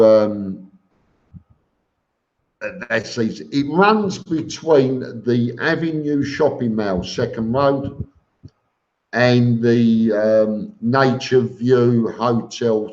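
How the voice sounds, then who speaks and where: A man's voice: mid-range voice, darkish tone. A man hosting a casual live stream, reading out comments and answering them in an informal, blunt, matey way. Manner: informal and blunt, calls listeners mate. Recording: dull lo-fi live stream audio.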